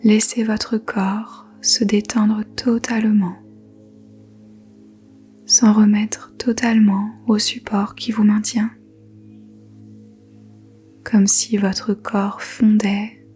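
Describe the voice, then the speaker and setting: In this yoga nidra session, the woman's whispery, soft guidance barely moves off one pitch and stays very slow and even. Long pauses break up her soothing, gentle instructions, with faint music underneath.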